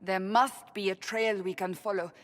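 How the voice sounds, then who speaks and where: A woman's voice: medium pitch, fairly even intonation, moderate pace, a bit bright, natural voice. An actress playing a devout, proud woman warrior who speaks firmly and formally. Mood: resolute. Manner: firm, formal, resolute. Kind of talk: video game voice acting.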